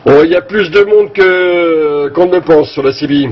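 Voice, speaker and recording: A man's voice: fairly high pitch, moderate pace. A man speaking over a CB radio link as a radio operator, explaining things at an easy pace with many fillers and restarts. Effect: heard over a CB radio link. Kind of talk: casual explanatory radio chat. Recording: muffled lo-fi CB audio with faint hiss.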